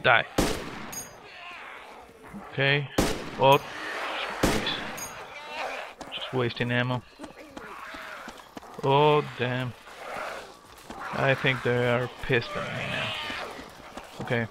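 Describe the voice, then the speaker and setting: A man's voice: mid-range voice, level tone, very slow, pauses often, background noise. A man muttering terse commentary and curses at enemies while playing a game. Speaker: gamer. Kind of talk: gameplay commentary. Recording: loud gunfire behind the voice.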